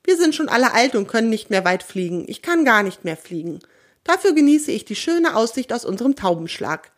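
A woman's voice: on the high side, very animated, brisk. A woman voicing an old, kind and talkative grandmother pigeon who babbles on cheerfully. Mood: welcoming. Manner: babbling, chatty.

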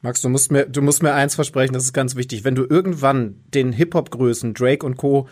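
A male co-host on a casual football podcast, speaking at an everyday pitch. He teases and jokes in a loose, chatty way, the kind of banter that runs between friends on air. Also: fairly even intonation, a little fast, a little mellow. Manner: joking, teasing.

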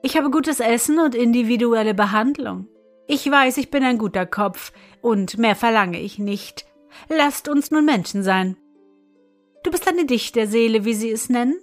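A woman's voice: on the high side, animated, moderate pace, faint music behind. A woman voicing a smug, self-satisfied green parrot in a storybook reading, speaking in a lofty, lecturing way.

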